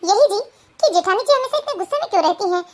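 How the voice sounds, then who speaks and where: A woman's voice: extremely high pitch, lively intonation, fast talker. Woman voicing a meek young cartoon bride. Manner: soft, obliging, hesitant.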